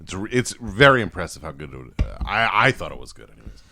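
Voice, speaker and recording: A man's voice: deep voice, big pitch swings, fairly quick, vocal fry, bright, forceful tone, a little hiss or hum. A man co-hosting a music podcast in casual, profanity-laced chat. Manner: profane, loose and rambling. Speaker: podcast co-host.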